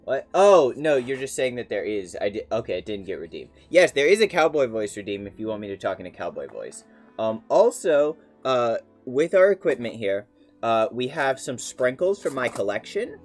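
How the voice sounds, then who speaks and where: A man's voice: mid-range voice, sing-song, moderate pace, faint music behind. A man chatting casually on a live stream, playful and rambling, with many fillers.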